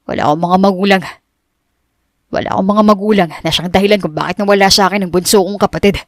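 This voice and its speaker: Woman voicing a cold young man in an audiobook, lowered and curt, gruff timbre. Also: steady tone, fast talker, no echo, clean studio sound, natural voice. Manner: curt and cutting, mixing English in. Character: cold, bitter young rich man posing as gardener. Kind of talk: audiobook character reading.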